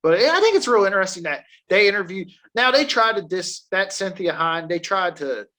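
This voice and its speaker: A man's voice: high voice, very animated, fairly quick, sharp tone. A man co-hosting a casual podcast, telling a story with swearing and laughter. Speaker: podcast co-host.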